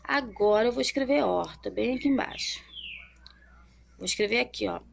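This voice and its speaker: A young woman teaching a children's literacy lesson, drawing as she talks and slowly sounding out syllables, often checking in with the listener. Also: on the high side, creaky, a little hiss or hum. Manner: checks in often with tag questions.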